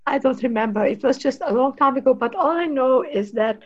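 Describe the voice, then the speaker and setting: A woman from Hungary joins a video call to chat with the host. Her voice is high and husky. The sound is dull and lo-fi. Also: a little fast. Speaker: workshop participant.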